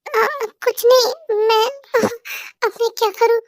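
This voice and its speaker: A woman's voice: extremely high pitch, steady tone, a little slow, no echo, clean studio sound, pitched above the performer's own voice. A woman voicing a playful, teasing young woman in an amateur audio drama dub. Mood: frightened. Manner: teasing, coaxing.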